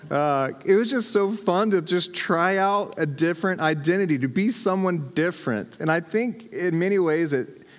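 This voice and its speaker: Male pastor, light humorous storyteller, slightly high voice, reverberant sanctuary. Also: lively intonation, normal speed, hardly any pauses. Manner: storytelling, self-deprecating humor. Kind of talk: sermon. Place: church sanctuary. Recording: long hall reverb.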